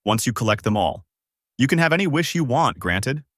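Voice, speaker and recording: A man voicing a bossy, excitable young woman in a fan-made story, talking in a raised, snappy, impatient voice. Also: medium pitch, brisk, no echo, clean studio sound.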